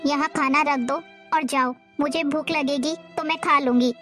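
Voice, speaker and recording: A woman's voice: sits high, fairly even intonation, normal speed, fairly bright tone, faint music behind. A woman voicing a hurt elderly mother-in-law.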